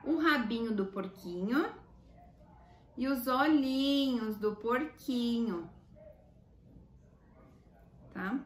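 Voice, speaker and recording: Brazilian woman, kids show host type, unhurried children's craft teacher, recorded in an echoey room from a distance. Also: on the high side, animated. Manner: simple child-directed talk with diminutives. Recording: echoey room, distant mic, faint noise.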